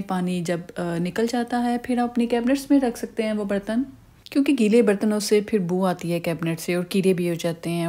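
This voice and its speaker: A woman's voice: medium pitch, a little mellow. Chatty woman shopping vlogger. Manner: chatty, explanatory, frequent "uh" pauses. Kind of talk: casual shopping vlog voice-over.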